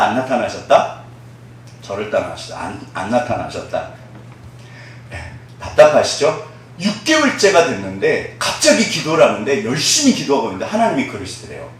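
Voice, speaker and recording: A male pastor preaches with a voice that climbs and drops all the time, tossing questions back at the listeners. The sound is very roomy, as if caught from some distance away in a large church. A faint hum sits under it. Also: medium pitch. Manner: lively, conversational preaching with call-and-response questions; acts out quoted voices, dropping to a soft hush. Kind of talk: sermon.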